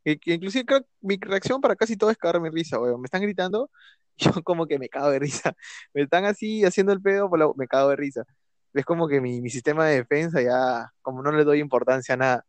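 A man's voice: fairly high pitch, fast, dry recording. A young man in casual chat, laughing often, swearing freely and joking as he talks.

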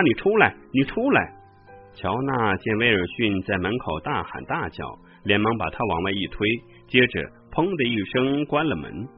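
A man telling a story as narration, calm, and he lifts his voice when he quotes the characters. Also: on the low side. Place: radio studio. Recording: tinny phone-like radio audio with faint music.

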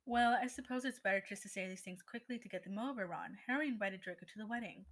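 A woman voicing a brisk, scolding young woman as she reads a story aloud. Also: mid-range voice, fairly bright tone, lightly acted, rough recording. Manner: brisk, exasperated.

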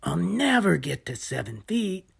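A woman's voice: lowish voice, very animated, unhurried, gravelly, husky, pitched above the performer's own voice, heavily acted. A woman voicing an anxious, hungry young male hippo in a storybook reading, sounding worried and doubtful.

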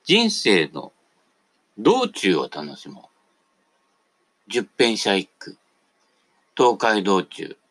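A man's voice: lowish voice, wildly swooping pitch, extremely slow, long pauses, fairly bright tone. A man hosting a casual radio talk monologue, chatty and digressive, tagging the ends of his phrases. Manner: digressive, jumps between topics.

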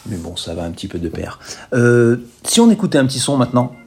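A man hosts a food programme on the radio in a relaxed, conversational way. His voice is warm and mellow, and he slips in gentle, playful irony while guiding listeners step by step. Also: medium pitch, fast, faint music behind. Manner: chatty, playfully ironic. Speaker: radio host. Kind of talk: casual radio food talk with recipe.

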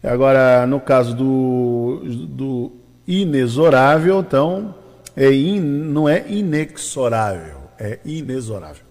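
A man's voice: mid-range voice, takes it slowly, darkish tone, long reverb tail. A man hosting a morning radio show from São Paulo, chatting casually and laughing often, with a Brazilian Portuguese accent. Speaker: radio host.

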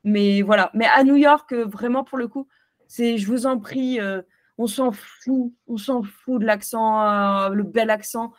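A woman from France chats as a podcast guest, her voice sitting a little high. She hands out advice in a loose, hesitant flow. The sound is close and dry, with no room in it. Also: steady tone, unhurried, dry recording. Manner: chatty advice-giving with many hesitations. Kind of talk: casual interview chat.

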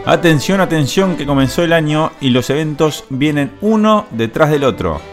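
A man's voice: a little high, big pitch swings, normal speed, music in the background. A man reading an upbeat radio announcement in a promotional manner. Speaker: event announcer.

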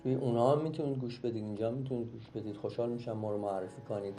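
A man reading a short story aloud as an audiobook narrator, calm and measured. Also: medium pitch. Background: faint music.

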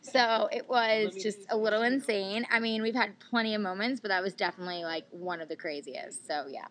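A young woman co-hosting a podcast, telling a wild night-out story in casual chat, animated and giggly with lots of fillers. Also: medium pitch, fairly quick, low-quality recording. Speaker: podcast co-host.

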